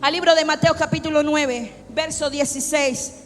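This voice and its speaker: A middle-aged woman pastor preaching a fervent sermon, rising into shouts at times. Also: sits high, steady tone, moderate pace. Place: church sanctuary. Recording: long church reverb with faint music.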